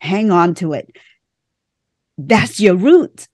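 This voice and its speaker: A woman's voice: fairly low pitch, big pitch swings, slow pace, a little mellow, no room sound, clean studio sound. A middle-aged woman from Vietnam with a Vietnamese accent, speaking earnestly in short phrases as an author being interviewed on a podcast. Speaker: author and guest.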